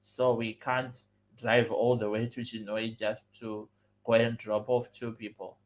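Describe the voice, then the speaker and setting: A man voicing a dismissive young van conductor who mumbles excuses quietly. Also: fairly low pitch, level tone, a little slow, close to an everyday voice. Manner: evasive, mumbling, offhand.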